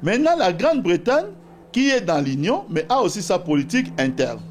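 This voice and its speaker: Speaking a little fast in a high-sitting voice, this man from Bas-Congo in DR Congo argues his position as a political debate guest. He has a Congolese accent, is animated and argumentative, cites scripture, and there's slight background noise.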